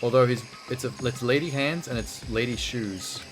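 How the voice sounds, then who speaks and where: A man's voice: mid-range voice, normal speed. A man hosting a video game playthrough, giving casual, blunt and exasperated commentary and reading game text aloud. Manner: reacts exasperatedly, blunt asides. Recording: music behind the voice. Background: game music.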